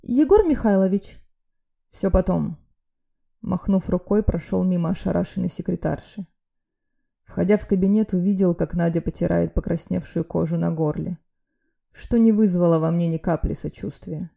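A woman reading a first-person novel aloud in a steady, measured way. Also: lowish voice, creaky. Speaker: audiobook narrator.

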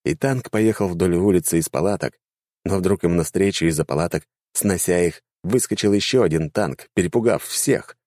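A man narrating a fantasy war story with lively, dramatic delivery. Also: deep voice, normal speed, no echo, clean studio sound.

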